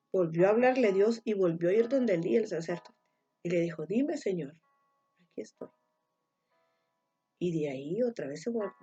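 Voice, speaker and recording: A woman preacher giving a devotional sermon, stressing points through repeated phrases, with a husky voice. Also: on the low side, mellow. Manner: emphatic, repetitive phrasing. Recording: dull lo-fi recording with faint music.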